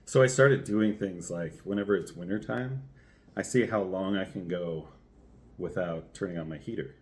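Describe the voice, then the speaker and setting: A man's voice: low-pitched, normal speed, darkish tone. A man talking casually in a personal vlog, telling anecdotes and thinking aloud with some hesitation. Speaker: vlogger, first-time ice bath participant.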